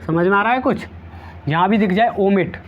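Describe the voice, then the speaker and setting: A man's voice: high voice, brisk, dull audio, slight background noise. A man teaching an exam-prep vocabulary lesson, repeating each word several times and using playful memory tricks.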